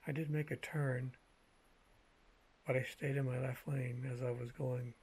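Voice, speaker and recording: A man speaking in a measured, halting way with a gravelly, husky voice, telling personal anecdotes in a casual monologue. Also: mid-range voice, little pitch movement, darkish tone. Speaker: vlogger telling personal stories.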